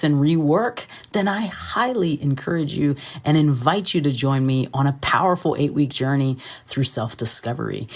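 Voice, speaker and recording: A woman hosting a podcast in easy casual chat, playful and quick to laugh. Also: low-pitched, darkish tone. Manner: playful, laughs often, breezy. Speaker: podcast host.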